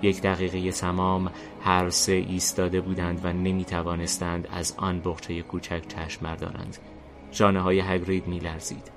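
A man narrating a fantasy story in a steady, deliberate reading style. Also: low voice. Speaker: narrator and host. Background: faint music.

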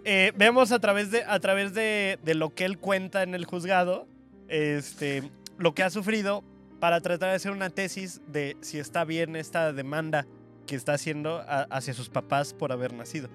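A man with a Mexican Spanish accent co-hosts a relaxed podcast, his voice a little above average in pitch. He rambles and pokes fun at his own slips. Soft music sits in the background. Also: normal speed. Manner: rambling, self-mocking, laughs often. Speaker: podcast co-host. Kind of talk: casual podcast chat.

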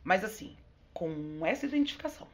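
A woman, a guest in a casual interview, expressive and laughing often. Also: on the low side, fairly quick. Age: 40s. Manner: expressive, laughs often, emotional near the end. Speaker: guest, candomblé priestess.

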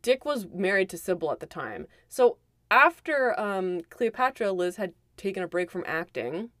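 A woman co-hosting a podcast, recapping a movie in animated, profane casual chat. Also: medium pitch, moderate pace, no echo, clean studio sound. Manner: animated, profane, emphatic storytelling. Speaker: podcast co-host.

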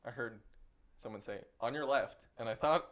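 A man co-hosting a podcast in casual chat, telling stories in an animated way and laughing often. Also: mid-range voice, moderate pace. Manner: giggly, animated storyteller. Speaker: podcast co-host.

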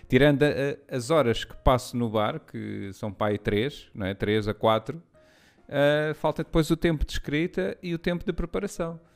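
Clear-voiced man. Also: mid-range voice, normal speed, soft background music. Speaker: stand-up comedian. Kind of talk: casual conversation.

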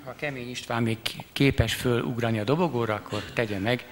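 A man's voice: mid-range voice, background noise. A man hosting an event in a mock-solemn, formal tone, hesitating with fillers. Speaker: event host. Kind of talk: formal mock-ceremonial announcing. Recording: reverberant hall with a crowd.

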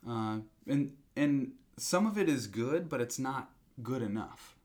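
A man speaking as a company representative in a business interview, explaining in a halting, conversational way. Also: mid-range voice, animated, darkish tone.

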